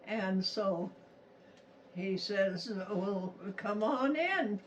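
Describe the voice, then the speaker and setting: Recorded a little far from the mic with faint noise, an elderly woman in her nineties speaks slowly. She has a rural Utah American accent and tells her story in a folksy, halting, plain-spoken manner. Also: mid-range voice, animated. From Utah, United States. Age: 90s. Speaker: grandmother telling a childhood story. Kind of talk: casual personal storytelling.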